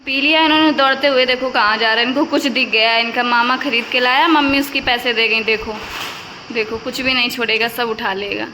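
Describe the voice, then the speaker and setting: A woman talks her viewers through her toddler's antics in a casual home vlog, switching to cooing at the child. Her voice is sharp and bright. It carries a long reverberant tail and a faint hiss from the room. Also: fairly high pitch, steady tone, brisk. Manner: chatty, narrates to viewers, coos at the baby. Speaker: vlogger filming her toddler. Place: home, indoors.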